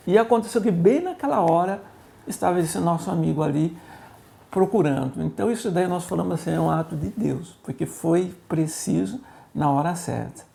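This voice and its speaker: A Brazilian-accented male pastor telling a story in an interview, animated and acting out the voices of the people in it. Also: sits high, vocal fry. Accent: Brazilian Portuguese. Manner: animated, acts out quoted voices in his stories.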